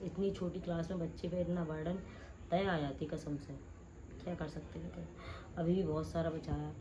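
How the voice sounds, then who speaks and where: A woman in her thirties vlogging casually at home at night, chatty and rambling, her throat slightly hoarse. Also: deep voice, little pitch movement, brisk, background noise. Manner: chatty, rambling, addresses viewers as guys. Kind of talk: casual chat to camera.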